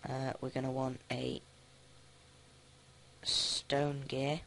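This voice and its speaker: A man casually commenting on his own gameplay, thinking aloud with many halting restarts. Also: medium pitch, completely flat delivery, vocal fry, a bit bright. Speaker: let's play host.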